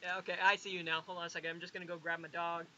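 A man with a high, bright voice chats casually over a gameplay session, often stalling with filler and stops. The recording is dull and lo-fi. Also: level tone, dry recording. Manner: halting, keeps saying to hold on. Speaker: gameplay video host.

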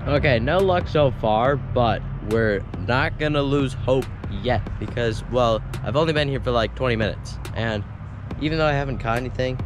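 A young fishing vlogger chats casually as he fishes by a windy pond outdoors, rambling and correcting himself. He records on an action camera, both head-mounted and handheld, and his mid-range voice has a moderate pace with music in the background.

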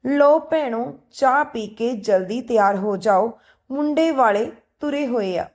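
A brisk, polite housemaid from a spoken storybook, as a woman narrator puts her on, hurrying the girls along in a slightly high voice. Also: darkish tone, lightly acted. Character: housemaid bringing tea, brisk.

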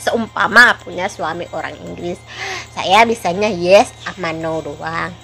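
A woman's voice: fairly low pitch, unhurried, vocal fry, bright, forceful tone, soft background music. A woman telling a casual vlog story, giggling and making fun of herself. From Java. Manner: giggly, self-mocking, laughs often between phrases. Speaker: vlogger.

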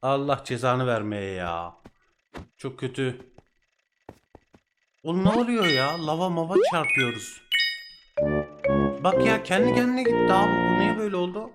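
A man's voice: on the high side, very animated, moderate pace, long pauses. A young man with a Turkish accent doing casual let's-play commentary, reacting with frustrated outbursts and exclamations. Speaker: gaming channel host. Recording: loud game music behind.

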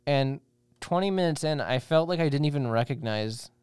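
A man's voice: on the high side, expressive, moderate pace, a little mellow, smooth, no echo, studio quality. A young man co-hosting a casual podcast chat, rambling and often restarting his sentences. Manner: rambling, self-interrupting, restarts. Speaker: podcast co-host.

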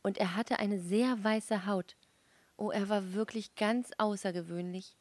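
A woman's voice: mid-range voice, fairly even intonation, unhurried, darkish tone, dry recording, close to an everyday voice. A woman voicing a dreamy young Martian wife who eagerly describes a strange dream.

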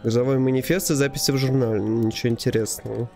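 A man's voice: medium pitch, fairly even intonation, fast, a little mellow, soft background music. Man casually commentating a video game. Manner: muttering to himself, reading item names aloud; informal, mild swearing. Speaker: gamer narrating own playthrough.

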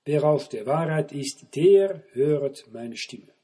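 A man voicing Jesus in a scripture reading, speaking slowly and quietly. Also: on the high side, expressive, husky, exaggerated voice. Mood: solemn.

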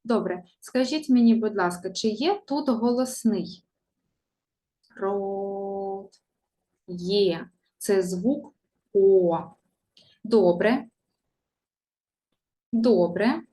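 A woman teacher giving a primary school reading lesson, talking slowly in a sing-song way to young children and modelling sounds for them to repeat. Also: mid-range voice, warm tone.

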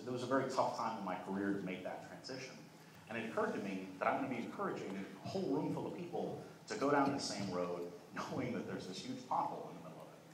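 A young man giving a conference keynote, talking quickly and fluently with frequent "uh" restarts, in a large hall. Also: on the low side. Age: young adult. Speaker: keynote speaker. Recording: echoey hall, voice from far off, faint noise.

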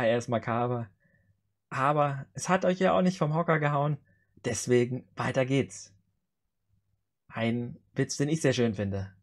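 A man hosting a joke challenge on a video call, reading out short jokes and acting out their dialogue. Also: mid-range voice. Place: indoor room on a video call.

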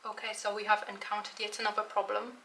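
A woman talks through her vlog from her bedroom in a bright, sharp voice. She chats in a loose, self-mocking way and swears freely. She keeps up a casual, running commentary. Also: mid-range voice, level tone, fast, vocal fry, slight background noise, low-quality recording. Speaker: vlogger.

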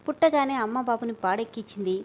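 A woman's voice: a little high, lively intonation, quick pace. A woman voicing a spiteful, scheming old grandmother who speaks with bitter scorn. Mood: scornful.

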